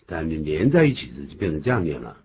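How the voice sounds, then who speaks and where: A deep-voiced man teaches English on the radio, his pitch swinging widely as he punches out key words. The recording is muffled and lo-fi, with a faint hiss underneath. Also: fast talker. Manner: animated, jumps to high emphatic pitch on key words.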